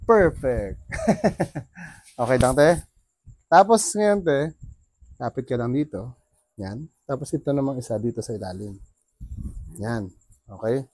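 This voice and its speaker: A man's voice: mid-range voice, expressive, unhurried, pauses often, darkish tone, no room sound. A Filipino man working as a bone setter, talking a client through treatment in a soothing, coaxing way with frequent laughs. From Philippines.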